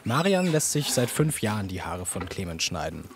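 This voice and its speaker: A man reading a scripted news report as a voice-over in an even, measured way. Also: low voice, noisy background. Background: music.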